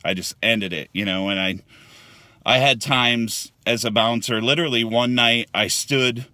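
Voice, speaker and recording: A man's voice: medium pitch, measured pace, sharp tone, no echo. A man ranting angrily to his phone camera in a casual vlog, swearing a lot and rambling. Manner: angry, profane and rambling. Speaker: vlogger. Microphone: handheld phone.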